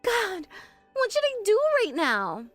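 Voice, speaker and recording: A woman voicing a spoiled, bossy young bride in an animated story, talking in a shrill, demanding way. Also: takes it slowly, dry recording, faint music behind, heavily acted. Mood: flustered.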